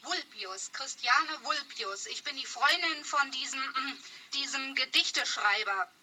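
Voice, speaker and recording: An actress playing the poet's scorned young girlfriend, sharp and indignant. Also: high-pitched, measured pace, slight background noise, full character voice, rough recording. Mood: sulky. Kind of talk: radio play for language learners.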